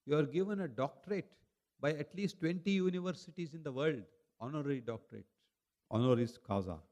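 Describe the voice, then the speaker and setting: A man giving a devotional talk at a spiritual retreat, telling personal stories in a conversational way and chanting verses slowly before explaining them. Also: on the high side, a little mellow. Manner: conversational storytelling with fillers like "you know". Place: retreat hall.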